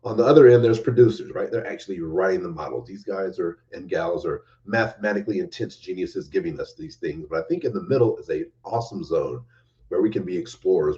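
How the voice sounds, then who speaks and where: A man's voice: low-pitched, warm tone, distant mic, lo-fi sound. A man talking as a guest on a podcast, giving earnest, emphatic advice and repeating key phrases. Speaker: guest developer advocate. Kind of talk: casual podcast conversation.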